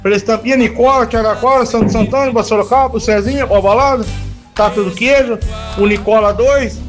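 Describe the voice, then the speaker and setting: A man calling in over a CB radio, friendly and eager, rattling off shout-outs. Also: very high-pitched, steady tone, moderate pace, music in the background. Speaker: caller. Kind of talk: casual radio chatter.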